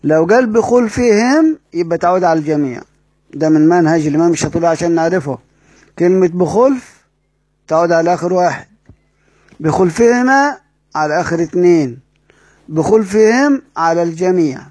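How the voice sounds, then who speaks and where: A man's voice: high voice, animated, brisk, pauses often, darkish tone, breathy edge, dry recording. A man with an Egyptian accent teaching Quran recitation rules, repeating key phrases and asking and answering his own questions. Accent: Egyptian Arabic. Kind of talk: classroom explanation.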